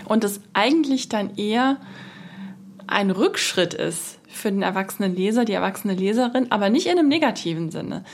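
A woman's voice: medium pitch, expressive, moderate pace, a little hiss or hum. A woman speaking as a literature expert on a radio feature, reasoning her points aloud thoughtfully.

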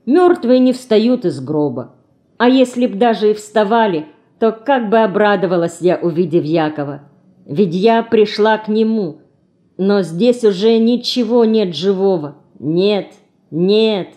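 A woman's voice: medium pitch, expressive, unhurried, dark tone, close to an everyday voice. A woman voicing a determined young girl in a storybook, making tearful, pleading vows. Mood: anxious.

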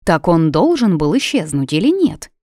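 A woman voicing a kindly, chatty maid who speaks in a gentle, reassuring way. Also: fairly low pitch, very animated, moderate pace, no room sound, studio quality. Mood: soothing.

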